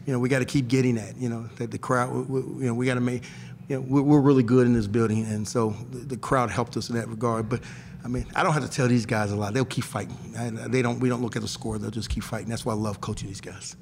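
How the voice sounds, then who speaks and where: A middle-aged male coach sits at a press table with a table mic, talking frankly and with emphasis after a game. His voice has a gravelly edge, he often repeats words as he restarts, and a light hiss runs under the room. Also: medium pitch, fairly even intonation, fast, a little mellow. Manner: candid, repetitive restarts, emphatic. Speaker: head basketball coach. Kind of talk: postgame press conference. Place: press room in front of a sponsor backdrop.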